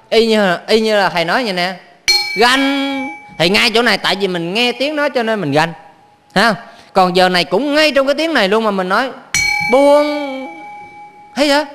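A man's voice: high voice, fairly bright tone. A man with a Southern Vietnamese accent, a Buddhist monk teacher giving a sermon in a playful, chuckling manner and often quizzing his listeners. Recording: reverberant hall.

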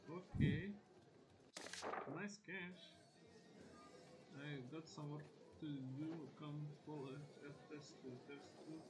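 Slow-talking laid-back male gamer. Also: on the high side, steady tone, over loud music, poor audio. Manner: laid-back, swearing, muttering to himself. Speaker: game streamer. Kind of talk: casual gameplay commentary. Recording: loud background noise.

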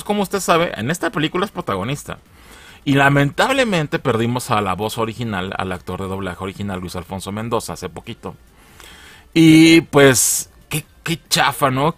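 A man with a Mexican Spanish accent talks through film news in a loose, slangy way and laughs easily. His pitch swings widely from low asides to high exclamations. The sound is dry and close, with no room echo. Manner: animated, slangy, laughs often. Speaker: channel host. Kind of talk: casual commentary on film news.

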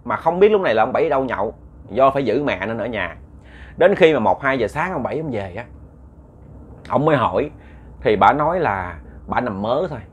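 A man's voice: medium pitch, big pitch swings, fairly quick, husky. Chatty male storyteller. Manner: chatty, repeats words, addresses listeners directly. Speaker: ghost-story narrator. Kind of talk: casual spoken storytelling.

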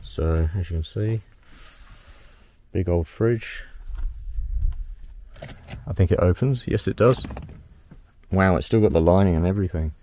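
An Australian exploration vlogger with a deep, warm voice wanders outdoors through a ruined house, narrating casually and musing aloud about what he finds. He's curious and thinks on his feet, speaking unhurriedly with long pauses, over a faint hiss or hum.

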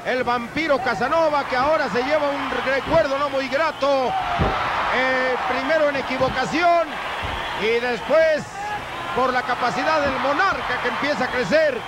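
A man's voice: very high voice, moderate pace, a loud crowd. A man with a Mexican accent giving live wrestling commentary in florid, playful storytelling phrases. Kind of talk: live lucha libre commentary. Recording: very noisy old TV sports broadcast. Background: loud arena noise.

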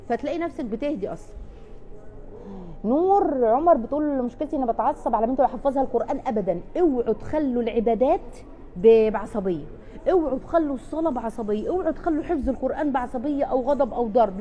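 A woman's voice: a little high, mellow, muffled recording, a little hiss or hum. A woman with an Egyptian accent, answering viewers' questions in a casual live chat as a family counselor, chatty, with frequent restarts and emphatic repeats. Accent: Egyptian Arabic.

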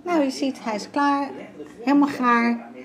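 A woman's voice: high voice, steady tone, unhurried, crowd noise. An older woman from the Netherlands chatting casually in a home vlog, with plenty of fillers as she walks through her sewing and cooking. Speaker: vlogger. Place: home interior.

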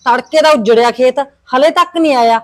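A woman's voice: high-pitched, brisk, dry recording, natural voice. A woman playing a village headman's worried wife, with a Punjabi accent, complaining about her husband. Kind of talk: village comedy drama.

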